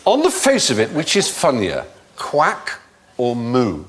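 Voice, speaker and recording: A man's voice: mid-range voice, wildly swooping pitch, slow. A man hosting a comedy quiz panel in a studio, teasing and genial as he asks questions. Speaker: quiz show host. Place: studio with live audience. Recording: loud studio audience noise.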